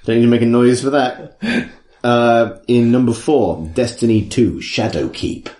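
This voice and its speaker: A man co-hosting a podcast, reading out a list with jokes, swearing and frequent laughter, a little hoarse. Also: mid-range voice, moderate pace, mellow. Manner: jokey, swearing, laughing often. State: losing his voice. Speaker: podcast co-host. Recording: roomy echo.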